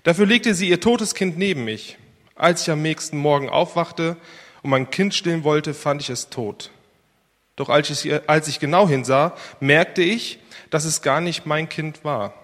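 A man's voice: fairly high pitch, unhurried, fairly bright tone. A man reading a distressed young mother's plea. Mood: pleading. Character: distressed young mother pleading before a king. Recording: reverberant hall.

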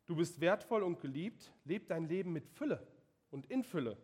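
A man's voice: on the high side, animated, moderate pace, darkish tone, breathy edge. A man voicing God as a loving, encouraging father figure in a sermon.

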